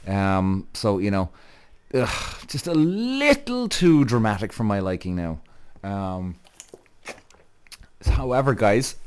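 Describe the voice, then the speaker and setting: A man's voice: medium pitch, smooth. This is a man with a Cork accent from the south of Ireland, talking as the host of a show. He gives casual motorsport commentary with emphatic, blunt opinions. His delivery is conversational and peppered with swearing. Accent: Cork Irish.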